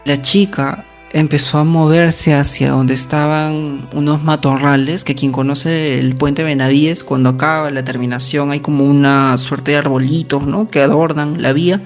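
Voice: mid-range voice, fairly even intonation, moderate pace, few pauses. Storyteller over faint music. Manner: conversational, frequent tag questions and fillers. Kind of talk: casual retelling of a ghost story.

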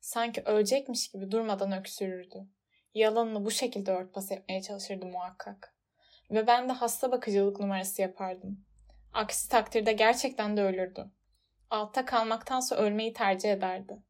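Woman narrator, storybook audiobook, measured, expressive, mid pitch.

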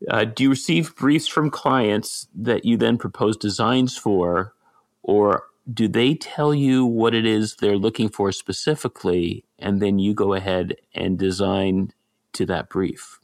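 A man's voice: lowish voice, unhurried. A man hosting a podcast interview, asking long, careful questions. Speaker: podcast host.

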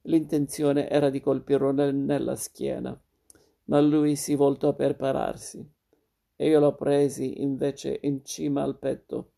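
A man narrating a literary short story in a steady, measured reading. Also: mid-range voice, gravelly.

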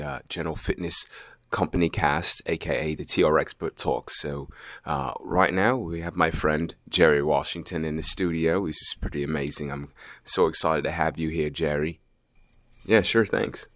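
Guy putting on a british accent to interview himself, deep voice, goofy and loose. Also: a bit bright, no echo, clean studio sound. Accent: put-on British. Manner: playful, with self-conscious laughs and filler words. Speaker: podcast host. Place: fitness company studio.

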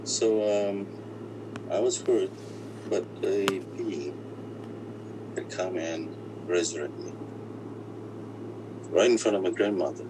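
Man with a deep disguised voice. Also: noisy background. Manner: halting, often restarts words. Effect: voice disguised, pitched very deep. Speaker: interviewee. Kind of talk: personal account in an interview.

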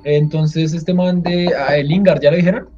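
A man's voice: fairly high pitch, fairly even intonation, moderate pace, warm tone, faint music behind. A man in casual podcast banter, hesitating with fillers as he tries to recall names. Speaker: podcast co-host playing a trivia game. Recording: dull, slightly lo-fi mic.

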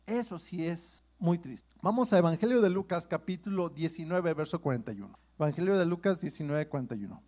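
A man's voice: high voice, a little mellow. A man preaching a sermon in a conversational way, often checking in with his listeners. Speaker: pastor.

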